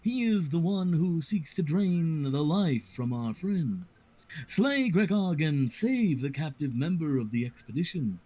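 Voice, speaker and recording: A man voicing a stern male quest-giver in a game with a low, gravelly, solemn delivery. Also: very animated, a little slow, mellow, rough recording. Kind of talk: reading game dialogue aloud.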